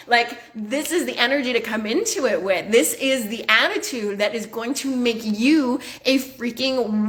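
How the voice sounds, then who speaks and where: Blunt, higher-voiced woman motivational host. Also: a bit bright. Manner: blunt, emphatic, swears casually; chatty, many "like" fillers. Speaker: podcast host and business coach. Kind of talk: motivational podcast monologue.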